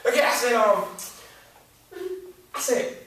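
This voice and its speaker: A man in his forties from Detroit with an American accent, telling a lively story as a youth speaker, slangy and repeating words for emphasis. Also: very high voice, slow, slight background noise. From Detroit, USA. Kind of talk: motivational storytelling talk. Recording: echoey hall, distant mic.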